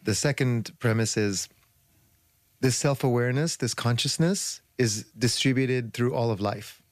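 A man's voice: mid-range voice, a little slow, dry recording. A male radio guest explaining ideas fluently and at length, with occasional fillers. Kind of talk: radio interview.

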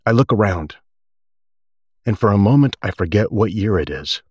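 A man reading a first-person memoir aloud as an actor would, in a measured, deliberate way. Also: on the low side, expressive, darkish tone, slightly rough, no room sound, muffled recording. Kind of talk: audiobook-like dramatic reading of a memoir.

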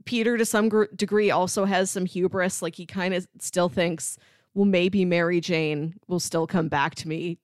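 A woman co-hosting a podcast talks casually about films, enthusiastic and analytical, with frequent emphasis. Her voice is lowish, her intonation fairly even, her pace moderate. The recording is dry and clean, with studio sound.

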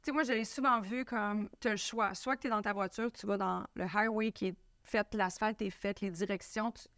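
A woman with a Québécois French accent, hosting a casual podcast conversation with animated, expressive storytelling. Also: medium pitch, moderate pace, no room sound, studio quality. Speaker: podcast host.

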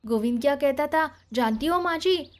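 Lady reading as a shy little servant boy, hushed and anxious, pitched up high. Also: lively intonation, normal speed. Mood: eager. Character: timid eager young servant boy.

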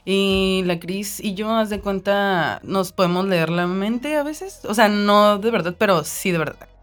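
Podcast host, woman, Mexican accent, mid-pitched, animated storyteller who slips into the voices she quotes; faint music under her. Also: measured pace. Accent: Mexican Spanish. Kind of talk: casual chat.

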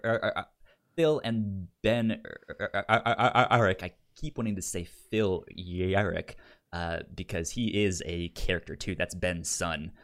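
A podcast co-host with a deep yet fairly bright, clear and resonant voice chats casually while recapping. He frequently stammers over the starts of words and acts out quotes in playful, raised voices.

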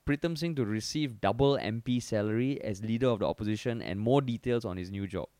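A man's voice: on the low side, brisk, dark tone, no echo. A man with a Singaporean accent co-hosting a podcast in casual banter, talking in informal, sweary Singlish. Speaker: podcast co-host.

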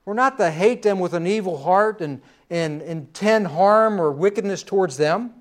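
A man's voice: high-pitched, moderate pace. A middle-aged man preaching a sermon in a folksy storytelling way, with personal asides.

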